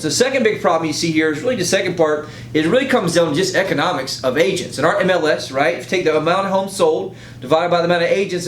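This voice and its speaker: In a space with a roomy echo and a faint low rumble, a man who works as a real estate agent gives an informal sales pitch. He's emphatic and persuasive, frequently tossing in a rhetorical "right?".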